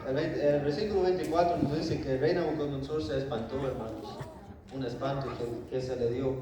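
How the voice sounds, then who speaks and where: A man's voice: medium pitch, steady tone, fairly quick. A man preaching an informal Bible lesson to his congregation, talking in a conversational way, often asking "right?" and acting out the king's lines. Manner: conversational, acts out the king's lines, tag questions. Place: church hall. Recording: echoey hall, voice from far off, background noise.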